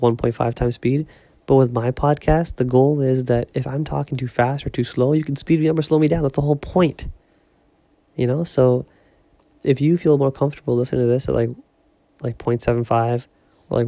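A young man hosting a casual solo podcast, rambling with lots of fillers and keeping his voice low so he won't wake others at home. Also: creaky, no echo. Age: young adult. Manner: rambling, filler-heavy, talking softly so as not to wake others. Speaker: podcast host. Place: home at night.

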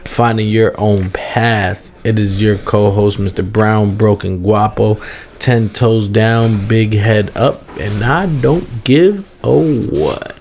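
A man's voice: fairly low pitch, takes it slowly, darkish tone, a little hiss or hum. A young man co-hosting a casual podcast, joking with playful slang. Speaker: podcast co-host. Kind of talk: casual chat.

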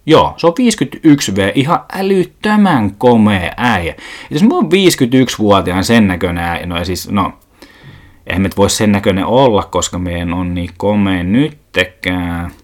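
A man's voice: lowish voice, sing-song. A young man hosting a solo podcast, rambling through jokey, self-mocking stories and swearing casually. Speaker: podcast host.

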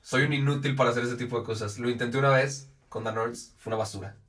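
A man's voice: medium pitch, fairly even intonation, quick pace, a bit bright. Self-mocking young Mexican man, distant mic. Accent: Mexican Spanish. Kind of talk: casual chat.

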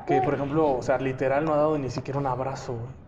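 A man's voice: mid-range voice, fairly even intonation, fast, lo-fi sound, background noise. A young man with a Mexican accent, chatting casually and rambling, peppering his talk with slang. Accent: Mexican Spanish. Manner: rambling, slangy, fills with "güey". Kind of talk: casual chat among friends.

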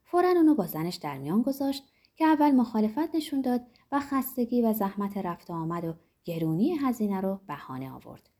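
Husky-voiced woman narrating a novel. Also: medium pitch, very animated, warm tone. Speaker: audiobook narrator. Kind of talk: scripted literary narration.

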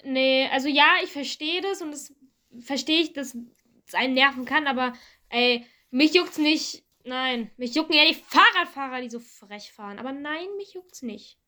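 A woman's voice: sits high, moderate pace, pushed and bright. A young woman co-hosting a casual podcast chat, telling stories in an enthusiastic, chatty way. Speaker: podcast co-host.

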